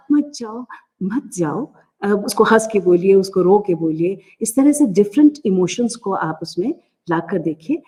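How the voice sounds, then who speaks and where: A middle-aged woman with an Indian accent giving a calm, explanatory lecture on acting voice, often pausing with fillers. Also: mid-range voice, breathy edge. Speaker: acting teacher. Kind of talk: lecture answering student questions. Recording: long hall reverb.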